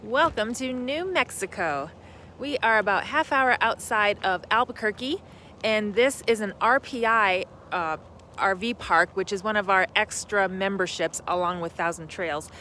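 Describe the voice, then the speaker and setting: A woman's voice: medium pitch, moderate pace, sharp tone, a little hiss or hum. A middle-aged woman talking to camera in a casual travel vlog, chatty and upbeat, a little out of breath, standing outdoors at an RV park. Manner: chatty, upbeat, laughs easily. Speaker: RV travel vlogger.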